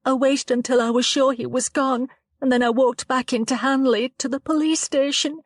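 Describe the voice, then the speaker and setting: A woman reads the part of a frightened young woman, shaken and tearful after an attack, for a dramatized audiobook. Her voice is higher than most, trembling, halting and upset, rising when distress peaks, yet the tone stays steady; the recording is dry and close, without any room around it.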